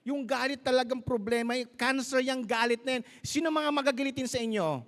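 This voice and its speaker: A man with a very high-pitched, slightly fast and somewhat bright voice preaches a live sermon as pastor. He is emphatic and tells stories, switching between Tagalog and English. It takes place in a large church hall, and the live church sound carries a long reverb.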